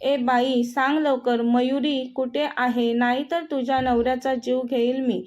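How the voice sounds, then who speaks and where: Storybook villain: a raging male boss who taunts and threatens, read by a woman with a high voice. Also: little pitch movement, a little slow, darkish tone. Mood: menacing. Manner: threatening, mocking. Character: cruel, raging middle-aged male gang boss. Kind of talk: storybook reading.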